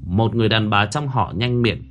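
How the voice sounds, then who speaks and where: A man narrating a ghost story, dramatic and voicing the characters with big swings in pitch. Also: fairly quick, fairly bright tone, faint music behind. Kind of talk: storytelling narration with acted dialogue.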